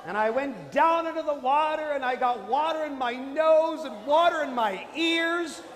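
A man preaching in a big convention hall, telling a story with comic flair, his voice rising loud and then dropping low. His voice sits fairly high, and a long reverb trails every phrase. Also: normal speed. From Canada. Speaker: priest. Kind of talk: sermon with humorous storytelling.

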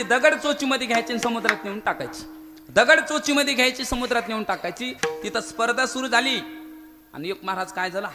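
A male kirtan preacher delivering a devotional sermon with animated storytelling and loud devotional cries. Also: very high-pitched. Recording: echoey hall with instrument music.

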